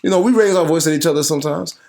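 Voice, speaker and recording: A man's voice: a little high, rapid-fire, vocal fry, a little mellow. Defensive man in a casual argument. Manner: defensive, restarts often, laughs while explaining. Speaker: podcast co-host.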